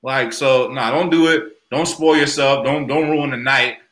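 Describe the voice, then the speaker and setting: A man's voice: mid-range voice, fairly even intonation, measured pace, fairly bright tone. A man chatting casually on a panel, full of loose, casual street slang. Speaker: podcast panelist. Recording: roomy, echoing space.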